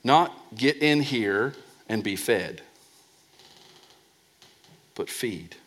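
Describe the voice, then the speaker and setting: A man preaching a sermon as a pastor, pressing points and dropping to a soft low voice on key words, often repeating words as he restarts. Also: expressive, drawn-out words.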